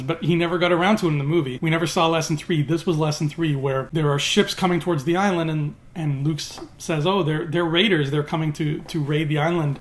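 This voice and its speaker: Excitable man giving a casual film review. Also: a little high. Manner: enthusiastic, acts out quotes in little voices.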